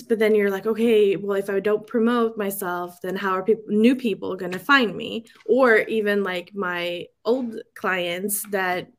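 A young woman talks casually as an interview guest. She rambles, restarts her sentences and fills gaps with "like" and "um", laughing easily between thoughts. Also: mid-range voice. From Sweden. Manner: rambling, many fillers and restarts, laughs often. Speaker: guest photographer.

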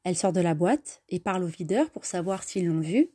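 Husky, mellow woman storyteller. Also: fairly low pitch, lively intonation, fairly quick. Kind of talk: narrated story reading.

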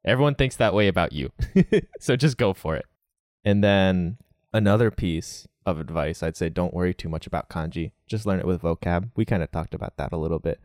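A young man in a casual interview, talking about learning Japanese, relaxed, often laughing and saying "like". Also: low-pitched, fairly quick, no room sound, clean studio sound.

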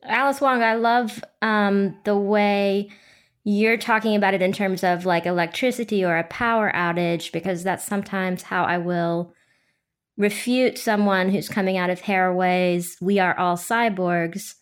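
A woman speaking as a panelist in a thoughtful, conversational discussion, articulate and measured, with academic wording. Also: medium pitch, fairly even intonation, clear, resonant tone.

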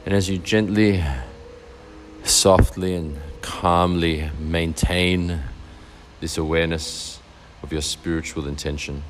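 A man leading a guided meditation in a slow, soft and soothing way. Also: low voice, steady tone, slight background noise. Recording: faint music behind.

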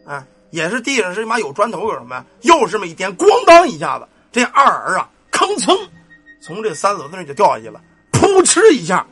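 A man's voice: high voice, sharp tone, husky. A man telling a village ghost story in a colloquial, earthy way, with casual cursing and sound effects. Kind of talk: spoken ghost-story narration.

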